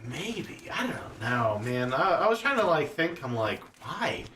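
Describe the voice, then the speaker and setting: Lively American man, heard from afar. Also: a little high, a little slow, distant mic, a little hiss or hum. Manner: rambling, hesitant, restarts often. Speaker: podcast co-host. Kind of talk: casual chat about card games.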